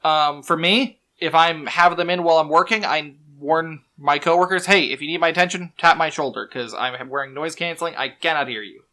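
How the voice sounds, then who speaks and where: Man, podcast co-host, casual chat, deadpan, bright tense voice, slightly high. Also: fairly quick, hardly any pauses. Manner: deadpan interjections of trivia.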